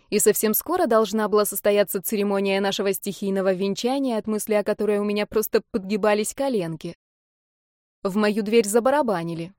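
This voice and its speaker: A woman narrating a first-person fantasy audiobook, lively and acting out the dialogue. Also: medium pitch, no room sound, clean studio sound.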